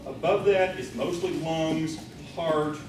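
A man speaks in a blunt, matter-of-fact way, somewhat high in pitch, lecturing to a room. The sound is very reverberant and distant, picked up by a camera far across a large hotel meeting room with steady background noise. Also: slow. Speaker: keynote speaker. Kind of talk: lecture with demonstration. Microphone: far camera, no visible mic.

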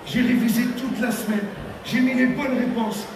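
A young man from Tunisia doing stand-up comedy on a theater stage and acting out characters with sudden pitch jumps. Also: steady tone, moderate pace. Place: large theater stage with live audience. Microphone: handheld mic, filmed from the audience. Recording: echoey hall from far off, crowd noise.

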